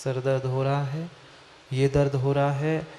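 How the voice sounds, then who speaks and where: Male monk preaching, slow and questioning, repeats for emphasis; faint room hum in a long-reverb hall. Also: mid-range voice, flat delivery, dark tone. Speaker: Jain monk giving a discourse. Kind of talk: sermon.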